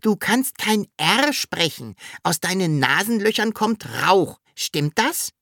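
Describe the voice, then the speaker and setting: A narrator voicing a cheeky, childlike creature in a storybook reading, in a high, eager voice. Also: big pitch swings, slow pace, sharp tone, no room sound, studio quality, full character voice.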